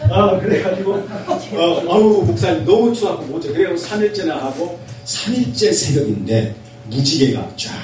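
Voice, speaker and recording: A middle-aged man preaching a fervent revival sermon as a pastor, moving between loud exhortation and quiet personal testimony. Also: mid-range voice. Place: prayer retreat hall. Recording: echoey hall from far off, faint hum.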